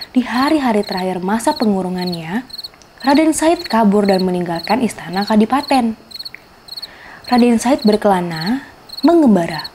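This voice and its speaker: A storyteller who hosts a children's folktale show expressively reads a scripted story to her young listeners, speaking in a medium pitch. The background is noisy, with faint music.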